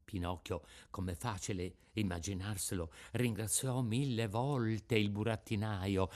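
A man narrating a children's story audiobook in an expressive, varied reading. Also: medium pitch.

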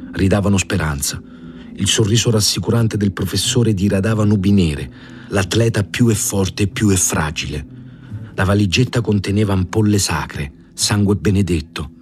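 A man giving a measured, even first-person reading of a novel for a radio audiobook. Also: low-pitched. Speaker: audiobook reader.

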